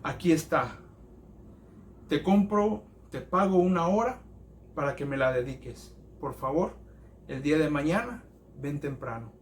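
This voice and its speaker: A preacher doing a young son's voice in a sermon story. He sounds soft and earnest, pleading with his father, with the voice pitched high. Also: lively intonation, unhurried, long pauses, slight background noise.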